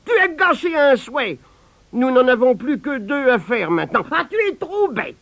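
Brief: storybook peasant wife, high, shrill and scolding, greedy temper; played by a man. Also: sing-song, takes it slowly, darkish tone, slightly rough, dry recording, full character voice. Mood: angry.

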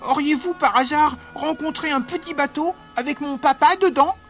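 A woman voicing a tearful, impulsive wooden puppet boy in an audiobook, speaking in a slow, pleading, childlike way. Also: sits high, faint music behind, natural voice. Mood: eager. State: sobbing. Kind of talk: audiobook character voice.

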